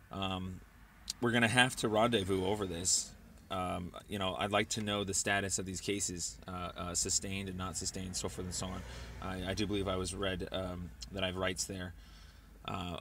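Leaving a long-winded phone message, a man halts and hesitates but keeps pushing insistently. He speaks in a low, somewhat bright voice over a line carrying slight hiss or hum.

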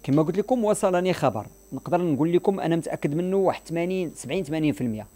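A man's voice: a little high, expressive, rapid-fire, warm tone. A man with a Moroccan accent in impassioned radio talk, emphatic and moralizing, repeating his points. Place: radio studio.

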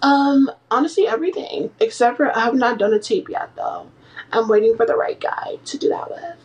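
Young woman, deadpan and rambling. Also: fairly high pitch, moderate pace, poor audio. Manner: deadpan, rambling trolling questions. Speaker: livestream host. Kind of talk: prank video chat.

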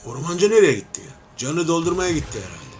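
A man giving live gameplay commentary, talking to viewers as friends and taunting opponents with playful shouts. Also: a little high, sing-song, quick pace, a little hiss or hum.

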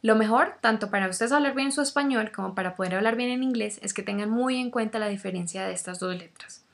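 A woman and native Spanish speaker teaching English pronunciation, speaking slowly and demonstrating each sound over and over. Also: mid-range voice, gravelly. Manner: slow, demonstrative, repeats sounds. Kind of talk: pronunciation lesson.

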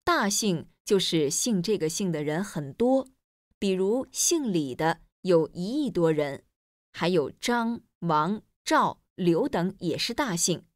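Female teacher for a textbook listening dialogue: lowish, animated voice, clear explanations, dry studio sound. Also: takes it slowly, dry recording. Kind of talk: scripted listening-exercise dialogue.

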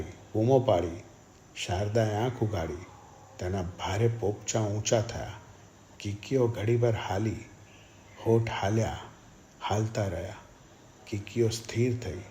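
A man reading a novel aloud as an audiobook narrator, in steady, measured storytelling. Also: lowish voice, slight background noise.

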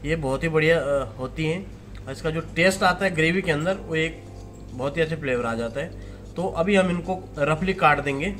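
A man's voice: on the high side, normal speed, a bit bright, soft background music. Man explaining a cooking recipe. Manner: plain step-by-step explaining. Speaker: chef. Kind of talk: cooking demonstration narration. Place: kitchen.

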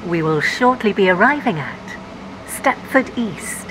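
Automated lady train announcer, spliced-together words, pitch jumping all over between bits. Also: animated, a little slow, background noise. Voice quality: uneven pitch and pace between joined words. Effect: words spliced together from separate recordings.

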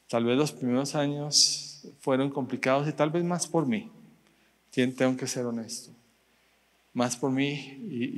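A middle-aged man preaching a sermon in a church, swinging between loud emphatic calls and soft personal storytelling. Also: mid-range voice, big-room sound. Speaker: pastor. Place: church sanctuary.

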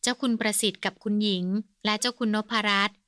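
A woman narrating a humorous period novel as an audiobook reader, with a steady storytelling delivery. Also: mid-range voice, quick pace, dry recording, studio quality. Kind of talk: scripted narration.

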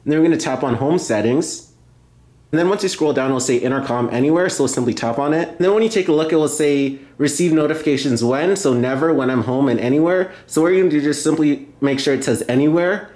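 In a tech video, a man narrates a hands-on tutorial step by step, frequently repeating himself. He speaks quickly with a fairly high, darkish voice. He's at a table in an indoor room, and the sound is roomy and echoey.

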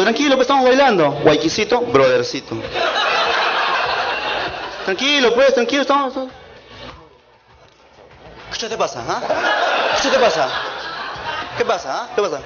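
A comedian puts on a belligerent drunk from an Andean village fiesta, slurring his words with a Peruvian mountain accent and sprinkling in Quechua as he taunts someone to hit him. The voice sits fairly high for a man. It was taped live on stage, with heavy noise behind it. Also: highs cut off. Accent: Andean Peruvian Spanish. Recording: live stage recording with loud background noise.

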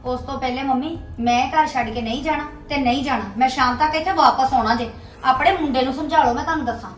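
A woman plays a young Punjabi wife who stands her ground and insists. Her voice is high and firm. A roomy echo and faint music lie beneath it. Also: fairly quick, lightly acted. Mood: defiant. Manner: defiant, insistent. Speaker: wife, daughter-in-law. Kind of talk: family drama acting.

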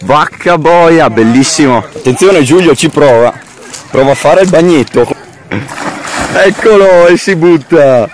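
A man's voice: fairly high pitch, a little slow, slight background noise. A man in his twenties chatting casually and enthusiastically to a phone outdoors, often repeating himself. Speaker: vlogger. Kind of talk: casual vlog chat. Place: outdoors on a lakeshore. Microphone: phone at arm's length.

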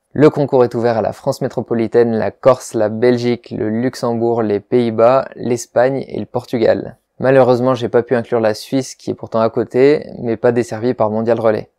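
Male welding host, mellow dark tone, dry close sound, frank methodical review read. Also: medium pitch, no echo. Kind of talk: product review narration.

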